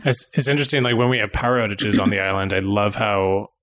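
A man's voice: lowish voice, fast talker, fairly bright tone. Man, podcast host, casual interview chat, friendly curious questions.

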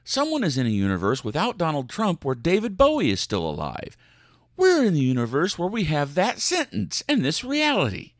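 A man's voice: a little high, huge pitch swings, moderate pace, no echo, studio quality. A man hosting a podcast, reading news articles aloud and commenting on them in a theatrical, sarcastic, mock-outraged way. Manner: theatrical, dramatic delivery. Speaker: podcast host.

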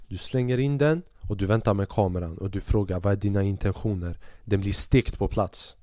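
A man puts on a pushy fishing-shop salesman whose voice drops low and confiding as he talks up his gear. The voice is deep and sits dry and close to the mic, with no room around it. It is a persuasive, wheedling sales pitch from a comic story. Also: dark tone, dry recording, natural voice.

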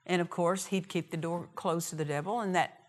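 A woman's voice: on the low side, fairly even intonation, brisk. Lady preacher in church, emphatic, repeats her points, acts out the quotes. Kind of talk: sermon.

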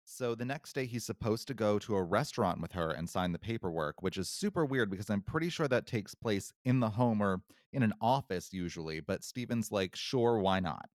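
Wry low-voiced man telling a creepy story. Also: expressive, fairly quick, hardly any pauses, dry recording, studio quality. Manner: wry, sarcastic asides, swears. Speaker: podcast co-host telling a true ghost story. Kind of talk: casual storytelling chat.

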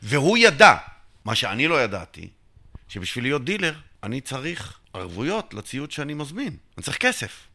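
A middle-aged man from Israel, an interviewee telling his business story in an animated way, acting out both sides of each conversation. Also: medium pitch, creaky. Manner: tells a story by acting out both sides of a dialogue, sometimes shouting. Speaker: interviewee, entrepreneur. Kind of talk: animated storytelling with acted dialogue.

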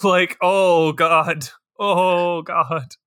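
A podcast co-host riffing on a movie, animated and laughing, acting out lines in silly voices. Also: mid-range voice, drawn-out words, clean tone, no room sound, clean studio sound. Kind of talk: casual movie recap chat.

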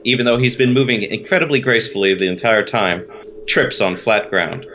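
A man's voice: lowish voice, brisk, highs cut off. A man playing a tabletop game, describing actions in a matter-of-fact way. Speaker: player. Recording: crowd noise behind.

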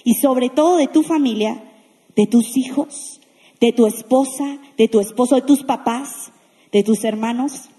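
High-voiced woman preaching in a hall. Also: unhurried. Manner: lively, asks the audience questions, acts out quotes. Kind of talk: sermon to a youth congregation.

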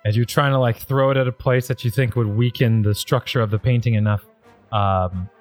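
A man's voice: medium pitch, steady tone, fairly quick, soft background music. A man acting as game master, casually narrating a tabletop role-playing game and explaining its rules.

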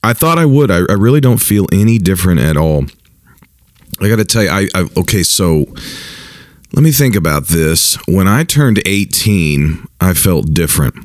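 A man in his forties, a pastor hosting his own podcast, talking in a casual monologue with an earnest, animated manner and frequent restarts. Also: low voice, moderate pace, dry recording, clean studio sound. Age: 40s.

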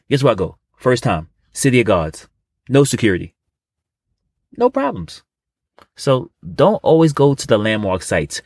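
A man's voice: mid-range voice, no room sound, studio quality. A man co-hosting a podcast in casual comedic chat, rambling and repeating himself with boastful, street-casual phrasing. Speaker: podcast co-host.

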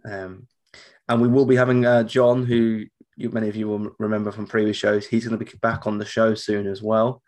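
Casual British male co-host, lowish pitch, sounding ropey with tonsillitis. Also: level tone, fairly quick, a little mellow. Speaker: podcast co-host. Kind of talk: casual chat.

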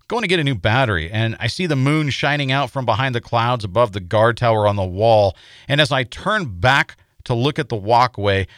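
An American man narrating a scripted paranormal feature as host, in a measured, suspenseful storytelling manner. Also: mid-range voice, fairly bright tone, no echo, clean studio sound.

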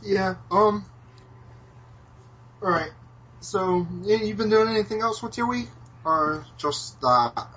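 An American man chatting on a podcast, his voice bright and forceful. He stumbles through plenty of ums and restarts and swears casually. The recording is dull and lo-fi, with a faint hiss behind him. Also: sits high, takes it slowly, long pauses. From United States. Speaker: podcast co-host. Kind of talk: casual chat about video games.

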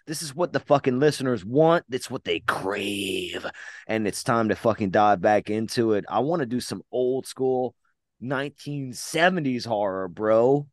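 A man's voice: medium pitch, moderate pace, darkish tone, no echo. A man hosting a podcast on a video call, swearing freely and hyping himself up. His voice sits mid-range, and the recording is dry and close. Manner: profane, boisterous bragging. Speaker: podcast host. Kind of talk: casual chat.

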